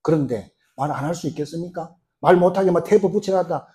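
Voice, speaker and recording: A middle-aged male pastor preaching a sermon in a lively way, throwing rhetorical questions at the congregation and acting out quoted lines. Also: fairly high pitch, fast.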